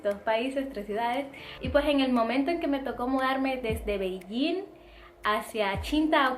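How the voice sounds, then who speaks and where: Chatty woman, slightly high voice. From Dominican Republic. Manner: chatty, expressive, many fillers. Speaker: vlogger. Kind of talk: casual storytime. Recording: echoey room, faint music.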